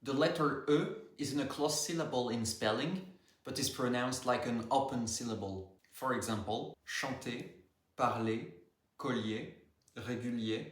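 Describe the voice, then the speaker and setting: A man gives a scripted French pronunciation lesson in a middle-pitched voice. He says each example word slowly and carefully. The room around him rings with noticeable echo. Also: a bit bright. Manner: slow, careful example words. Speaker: French teacher.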